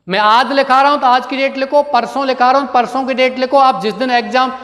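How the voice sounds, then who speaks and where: A man's voice: very high voice, steady tone, fairly quick, a bit bright. A male teacher giving a grammar lesson, asking his students questions and answering them himself while dictating. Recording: long reverb of a room.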